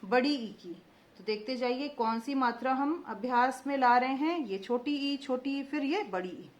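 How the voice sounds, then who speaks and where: A young woman teaching children Hindi vowel marks, drawing out each word slowly and asking call-and-response questions. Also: sits high, reverberant. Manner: slow, drawn-out pronunciation of each word, stressing vowel length; frequent "ठीक है" check-ins and call-and-response questions. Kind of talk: children's Hindi phonics lesson. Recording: slightly dull lo-fi recording.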